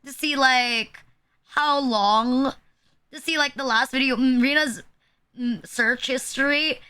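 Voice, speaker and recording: A woman's voice: sits high, takes it slowly, pushed and bright, smooth. A young woman streaming live, chatting casually and bluntly, rambling with lots of "like" and crude jokes. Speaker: VTuber streamer.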